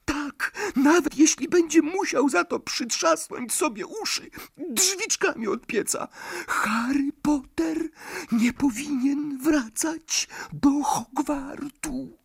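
A narrator voicing a tiny, servile male house-elf who squeaks and wails tearfully and calls himself by name. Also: lively intonation, takes it slowly, dry recording, clean studio sound, heavily acted. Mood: awed tearful. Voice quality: raspy. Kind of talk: audiobook character voice.

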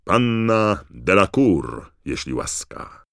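A man voicing an excitable male sports commentator, shouting high and excited in an audiobook reading. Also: takes it slowly, creaky, no echo, clean studio sound, full character voice. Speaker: match commentator.

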